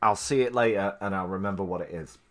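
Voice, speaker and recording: A man with a Manchester accent, hosting a casual live stream and reacting to old tapes with laughter, swearing and quick asides to his chat. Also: deep voice. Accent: Mancunian. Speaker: streamer host.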